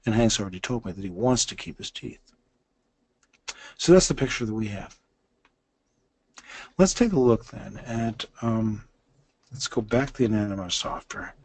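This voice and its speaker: A man's voice: lowish voice, animated, normal speed, long pauses, a little mellow, dry recording. A man in his sixties giving a lecture that walks listeners through a dental case. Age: 60s. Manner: explanatory, walks through images step by step.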